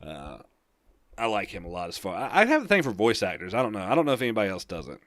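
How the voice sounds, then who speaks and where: A young man co-hosts a casual gaming podcast in a lowish voice. He rambles enthusiastically through the news with easy laughs. The sound is close and dry. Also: sing-song, fast, a bit bright, dry recording. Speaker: podcast co-host.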